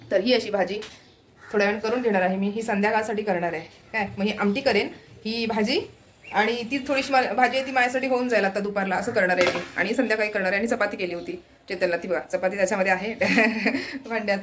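A woman's voice: fairly high pitch, a little hiss or hum. A woman vlogger with a Marathi accent chatting casually through her home routine, often pointing things out to viewers. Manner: chatty, repeats "look here" while showing things. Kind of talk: casual home vlog narration. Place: home, kitchen and window.

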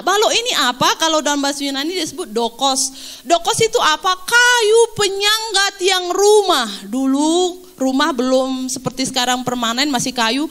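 A woman pastor preaching a sermon, lively and animated, acting out quotes and laughing along. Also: extremely high pitch.

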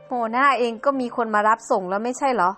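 A devoted young man in a home-made game drama, soothing and reassuring his girlfriend, with a woman playing him. His voice stays fairly high. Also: quick pace, a bit bright, faint music behind, lightly acted. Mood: casual.

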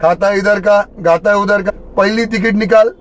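A man playing an angry, scornful patriotic man who orders someone out in a shouting voice. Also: high voice, fairly even intonation, moderate pace, a crowd in the background, close to an everyday voice.

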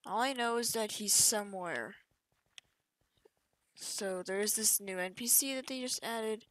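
Recorded in low quality, a young woman talks through a game update over screen capture for her gaming channel. Her voice sits in the mid-range, a bit bright, and she takes her time. She's chatty and casual, frequently letting sentences trail away in this relaxed walkthrough.

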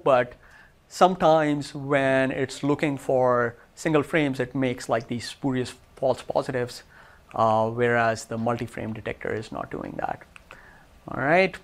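A man's voice: mid-range voice, normal speed. A man presenting research in a lecture room, walking listeners through results on his slides in a technical talk.

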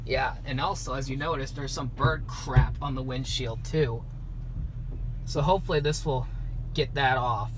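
A man's voice: mid-range voice, steady tone, normal speed. A young man gives chatty, enthusiastic running commentary from inside a car in a car wash, filmed on a phone. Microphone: phone camera mounted on the dashboard. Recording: loud car and wash noise.

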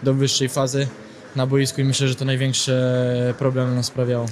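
A young footballer answering hesitantly with many fillers in a post-match interview, into a handheld microphone. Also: male voice, medium pitch, monotone, moderate pace, a little hiss or hum. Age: young adult. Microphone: handheld broadcast mic.

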